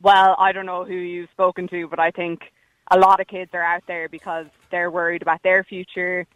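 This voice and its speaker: A woman's voice: on the low side, level tone, moderate pace, fairly bright tone, no echo, muffled recording. A woman with a west of Ireland accent, calling in to a radio phone-in to debate, challenging but hesitant with ums. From Galway, west of Ireland. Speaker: phone-in caller.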